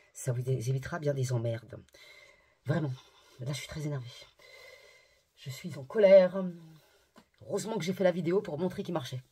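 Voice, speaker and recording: A woman chatting casually to her viewers in a vlog about hair care and shopping, slangy and quick to rant. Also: low voice, warm tone, slightly rough. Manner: addresses viewers directly. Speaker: beauty and haircare vlogger.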